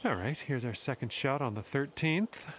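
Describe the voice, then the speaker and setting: A man commentating on golf shots, calm and encouraging, speaking straight to the player. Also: medium pitch, normal speed, slight background noise. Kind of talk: sports commentary.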